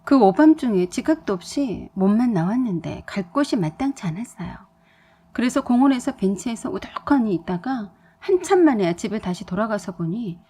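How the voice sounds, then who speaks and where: A woman narrating a personal story in a soft, even storytelling delivery. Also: a little high, husky.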